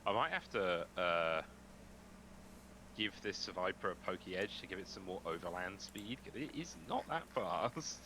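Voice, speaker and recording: Man player, lowish voice, bright tense tone, lively pitch, faint noise. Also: a little slow. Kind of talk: casual tabletop play chat.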